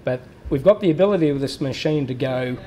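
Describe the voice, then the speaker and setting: This fast talker has a mellow, medium-pitched voice with lively intonation as he explains a welding machine step by step in a workshop. He's plain-spoken, using fillers and restarting his sentences.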